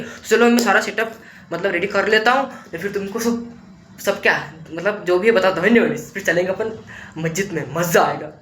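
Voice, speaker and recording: A man's voice: fairly high pitch, a little hiss or hum, rough recording. Chatty young man vlogging outdoors. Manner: chatty, repeats a filler word, drops to a hushed voice near the mosque. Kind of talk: casual vlog chat to camera. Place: outdoors and at home, walking around.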